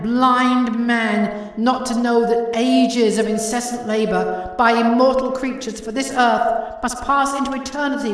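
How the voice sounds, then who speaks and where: Lady doing a gloomy ghost, slow and grave, booming echo from far off. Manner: solemn, slow and declaiming. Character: ghost of a dead old businessman, grave and mournful. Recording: heavy echo, distant from the mic.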